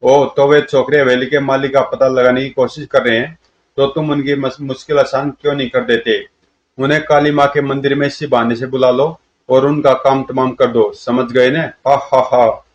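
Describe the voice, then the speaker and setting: A man's voice: mid-range voice, level tone, normal speed, close to an everyday voice. A man voicing a brutal male bandit chief who gloats and threatens, on dull lo-fi audio. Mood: scheming.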